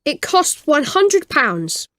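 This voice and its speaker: A woman playing a polite, helpful shop assistant in a scripted language-lesson dialogue, with careful, clear enunciation. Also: high voice, sing-song, slow pace, bright, forceful tone, no echo, clean studio sound, heavily acted.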